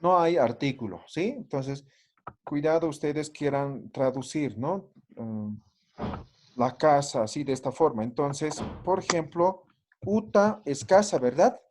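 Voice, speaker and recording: Speaking at a measured pace, a man with a slightly high and slightly mellow voice gives a classroom language lesson. His manner is patient, and he frequently throws in tag questions to verify that the students understand.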